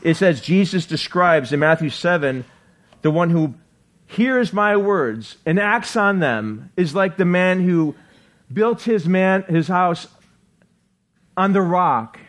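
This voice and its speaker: A man preaching a sermon as pastor, talking fast and excitedly, with many rhetorical questions to the congregation. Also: high-pitched.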